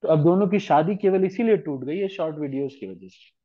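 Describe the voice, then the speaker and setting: A man's voice: on the high side, lively intonation, fairly quick, phone-quality sound. Man giving a conversational scripture class. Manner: conversational, asks rhetorical questions. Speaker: lecturer on scripture. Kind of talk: devotional Hindi lecture.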